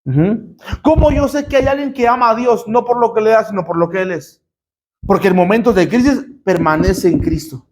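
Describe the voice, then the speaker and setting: A man's voice: sits high, moderate pace, darkish tone. A man preaching a sermon to a congregation as pastor, emphatic, with rhetorical questions and call-and-response. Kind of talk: sermon teaching.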